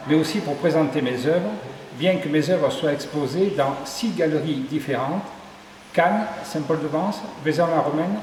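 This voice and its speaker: A sculptor from southern Ardèche, France walks through his exhibit in a tourist office exhibition hall, explaining his artworks in an interview. His somewhat high, slightly mellow voice lists details with hesitations, in an echoey room with faint background noise.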